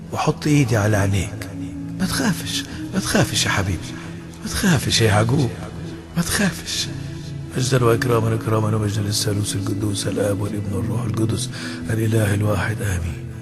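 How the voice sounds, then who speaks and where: A man voicing a gentle old Egyptian saint. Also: on the low side, fast talker, natural voice. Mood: soothing. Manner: soft, soothing reassurance. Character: kindly old bishop-saint, gentle healer. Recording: distant voice over loud music.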